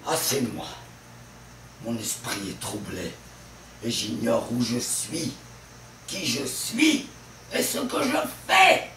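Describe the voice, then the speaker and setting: A man's voice: medium pitch, huge pitch swings, takes it slowly, pauses often, pushed and bright, a little hiss or hum, exaggerated voice. A man voicing an old male miser, frantic and panicked over his stolen money, in a shrieking declamation. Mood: dazed, rising. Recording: distant mic in an echoey room.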